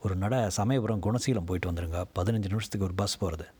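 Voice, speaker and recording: A man's voice: deep voice, fast, dark tone, husky. A man voicing a kindly male clerk who gives neighbourly advice in a plain way. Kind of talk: audiobook reading of a novel.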